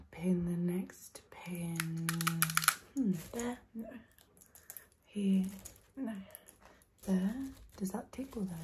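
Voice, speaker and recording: A woman doing an ASMR role-play in a soft, breathy ASMR voice, coaxing the listener playfully with repeated trigger words and tingly mouth sounds. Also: noisy background. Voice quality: soft-spoken, breathy soft voice, often slipping into soft low speech. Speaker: ASMR performer.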